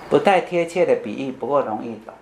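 A man's voice: mid-range voice, expressive, fast talker, gravelly, a little mellow, a little hiss or hum. A man giving a conversational sermon. He asks the congregation questions, answers them himself, repeats key phrases and keeps adding "you know?". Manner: tags lines with "you know?". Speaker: preacher.

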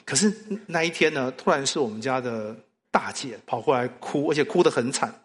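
A pastor preaches a sermon in a mid-range, fairly quick voice, telling stories and asking the congregation questions. His delivery is animated storytelling full of rhetorical questions. A long hall reverb surrounds the recording.

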